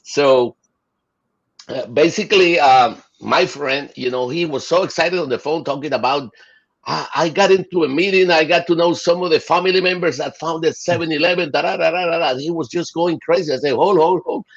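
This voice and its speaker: With a voice on the high side and some vocal fry, a middle-aged interview guest from Chile and Puerto Rico speaks at a moderate pace. He's enthusiastic in the casual interview, full of fillers and restarts, and the audio is dull and lo-fi.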